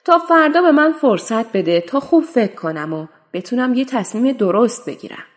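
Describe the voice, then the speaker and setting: A timid, fretful scarecrow from a children's storybook, as a woman puts him on, sounding anxious and pleading. The voice sits a little high and rings with a long reverb. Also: expressive, lightly acted. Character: timid, worried scarecrow in a field.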